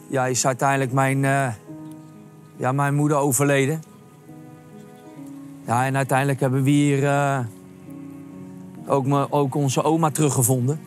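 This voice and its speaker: Man, football coach, documentary interview, hesitant, music in the background. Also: medium pitch. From The Hague, Netherlands. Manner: hesitant with many fillers when talking, shouting loudly on the sideline.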